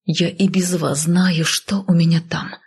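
A woman's voice: medium pitch, steady tone, moderate pace, a little mellow, breathy edge. A woman voicing a humiliated young captive princess who hisses and snaps her lines through clenched teeth. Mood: hissing furious.

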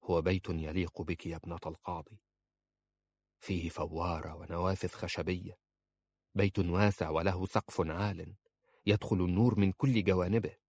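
A man voicing a tender, lovesick grown man who speaks in a soft, intimate murmur. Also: sits low, fairly even intonation, normal speed.

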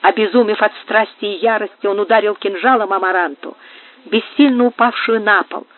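Lady reading an old novel out loud, dramatic storytelling, thin phone-like sound. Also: mid-range voice, brisk. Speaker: audiobook reader. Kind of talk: audiobook narration of a period novel.

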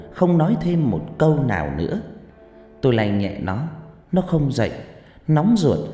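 A man's voice: mid-range voice, warm tone. A man narrating a horror story with a dramatic delivery, in an echoey recording with faint music.

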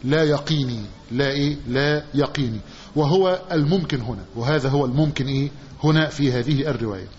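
Fast-talking Egyptian religious teacher. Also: male voice, medium pitch, a little mellow. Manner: asks the class questions, repeating phrases with a drawn-out "what?". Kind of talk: hadith commentary lesson. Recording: dull lo-fi recording with faint hiss.

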